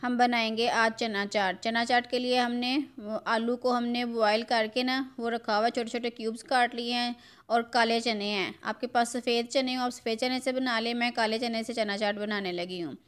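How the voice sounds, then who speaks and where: Homely woman explaining a recipe, smooth voice. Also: on the high side, fairly even intonation, normal speed. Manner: homely, step-by-step instructions addressed to viewers. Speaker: cooking channel host. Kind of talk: home cooking tutorial narration. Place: home kitchen.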